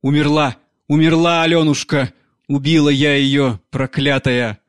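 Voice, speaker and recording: A man's voice: mid-range voice, steady tone, moderate pace, no room sound, studio quality, natural voice. A man voicing a crazed, grieving old nanny who rants, wails and pleads in a raised, frantic voice. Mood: despairing. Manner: raised, frantic, wailing pleas.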